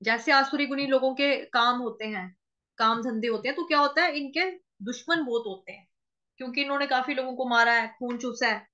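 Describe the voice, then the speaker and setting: A woman with a high, bright voice teaches Sanskrit recitation. She stretches each chanted word out very slowly, then breaks it down letter by letter. The recording sounds a little dull and lo-fi. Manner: chants verse words very slowly and drawn out, then explains quickly; spells out letters and vowel marks one by one. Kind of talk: slow syllable-by-syllable chanting lesson.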